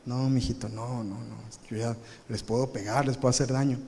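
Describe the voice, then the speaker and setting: A man voicing his own father, a middle-aged man who gently refuses and then playfully threatens his sons. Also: mid-range voice, fairly even intonation, a little fast, voice pushed down, natural voice. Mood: gently refusing. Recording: reverberant live church hall.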